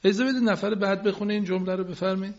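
A patient male recitation teacher leads a radio class, correcting his students and stretching out each phrase so they can copy it. His voice sits slightly high for a man. The recording is muffled and lo-fi, like an old broadcast. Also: steady tone, darkish tone.

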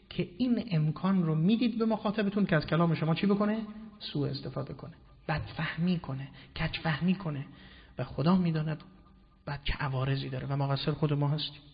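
A man's voice: a little high, fairly even intonation, husky. Male religious lecturer, formal and explanatory, quotes Arabic verses, dull lo-fi sound, long echoing hall. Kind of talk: religious lecture on Quranic wording.

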